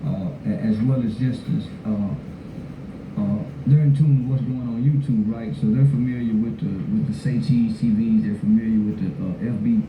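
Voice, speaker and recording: A man explaining informally as a youth mentor, halting and repeating his phrasing as he goes. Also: fairly low pitch, fairly even intonation. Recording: tinny, echoey, noisy phone-like audio.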